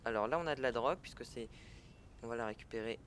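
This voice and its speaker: A man's voice: medium pitch, quick pace, a bit bright, slight background noise. A man giving a casual, chatty gameplay tutorial in French, often correcting himself as he goes. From French-speaking. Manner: chatty, self-correcting, fillers. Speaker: gaming tutorial creator.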